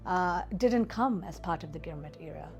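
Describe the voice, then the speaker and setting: A woman's voice: lowish voice, lively intonation, normal speed, music in the background. A woman, conversational as she interviews. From Fiji.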